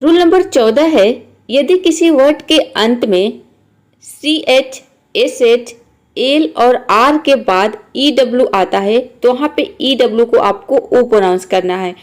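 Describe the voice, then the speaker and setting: A woman's voice: on the high side, measured pace. Patient woman teaching pronunciation rules. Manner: patient, repetitive, methodical. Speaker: English teacher. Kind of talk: spoken explanation of pronunciation rules.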